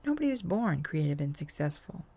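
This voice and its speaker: A man leading a guided hypnosis session, with slow, soothing, drawn-out phrasing that often falls to a soft whisper. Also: on the high side, big pitch swings.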